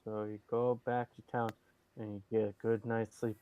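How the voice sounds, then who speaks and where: A game master running a tabletop session, talking in a relaxed, jokey way. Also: mid-range voice, normal speed, clean tone, narrow, tinny audio. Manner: laid-back, jokey, laughs a lot. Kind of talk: casual game talk.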